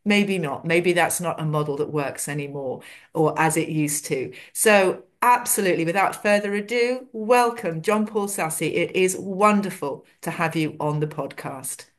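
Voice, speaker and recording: A woman hosts a business podcast, her voice sitting a little low for a woman. She introduces and questions her guest with bubbly, effusive enthusiasm. Her delivery is conversational and lively. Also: normal speed. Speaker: podcast host. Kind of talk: podcast interview.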